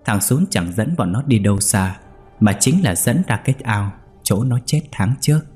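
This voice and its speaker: Male storyteller, steady ghost story narration, lowish voice, faint music behind. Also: moderate pace.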